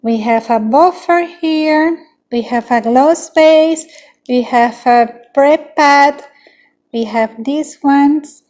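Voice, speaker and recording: Slow, mellow-voiced woman unboxing nail products. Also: high-pitched. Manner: unhurried, listing items one by one. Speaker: beauty channel host. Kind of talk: unboxing vlog.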